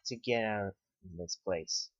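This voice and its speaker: Low-voiced man reading a horror story. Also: unhurried, dry recording. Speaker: narrator. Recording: dry, slightly dull lo-fi home recording.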